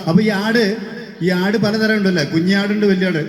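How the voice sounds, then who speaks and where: A man hosting a mimicry act on stage, teasing the audience with quick questions. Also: high-pitched, steady tone, heavy background noise. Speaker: stage mimicry artist and host. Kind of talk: lively stage chat with the audience. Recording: echoey hall with faint music.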